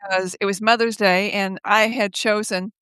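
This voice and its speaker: Older woman telling lively stories with laughs. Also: medium pitch, normal speed, clear, resonant tone, no room sound. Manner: lively, laughs often, acts out quoted speech. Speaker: guest. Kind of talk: casual conversational storytelling. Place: home office. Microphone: video call.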